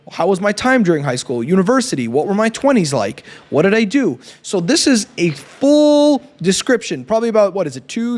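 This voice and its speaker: A man in his thirties from Canada giving an emphatic, persuasive coaching talk to camera. He keeps checking in with a quick "right?". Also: high-pitched. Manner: emphatic and persuasive, often adds a questioning "right?". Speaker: YouTube business coach.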